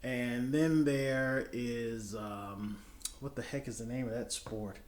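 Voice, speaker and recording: A man's voice: medium pitch, steady tone, takes it slowly. An American man in his thirties, casually answering viewer questions in a loose, rambling way. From United States. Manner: rambling, loose and chatty with many fillers. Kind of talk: casual chat. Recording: echoey room.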